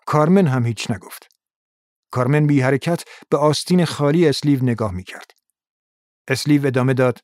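A man's voice: medium pitch, darkish tone, dry recording, studio quality. Man reading an audiobook steadily. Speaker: audiobook narrator. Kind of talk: scripted narration of a crime novel.

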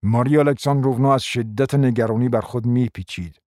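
A man narrating a radio play with an even, storytelling delivery. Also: mid-range voice, no room sound, studio quality. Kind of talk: scripted narration.

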